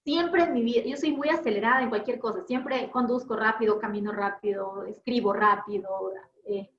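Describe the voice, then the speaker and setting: A woman trainer from Ecuador, teaching an online class with fast, lively talk and questions to the group. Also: medium pitch. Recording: echoey, dull video-call audio with faint noise.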